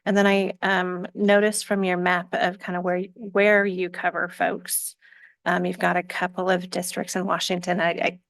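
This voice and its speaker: A woman's voice: on the low side, monotone, normal speed, vocal fry, fairly bright tone. A woman on a school board asking polite questions of a presenter. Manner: polite, inquiring.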